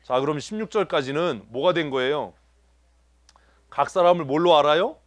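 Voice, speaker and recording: A man's voice: a little high, normal speed, no echo. A man preaching a sermon in a church, joking with the congregation and asking them questions. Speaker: pastor. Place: church sanctuary.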